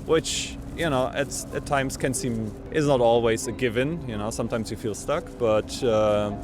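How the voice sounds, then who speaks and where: A man answers a street interview outdoors in a relaxed, reflective way, leaning on lots of fillers. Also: medium pitch, normal speed, noisy background. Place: outdoors in a city.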